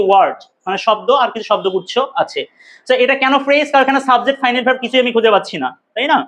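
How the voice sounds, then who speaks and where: High-pitched male language teacher. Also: a bit bright. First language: Bengali. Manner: asks the class questions and answers them himself; repeats words slowly to drill pronunciation. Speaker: English teacher. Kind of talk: recorded classroom lecture.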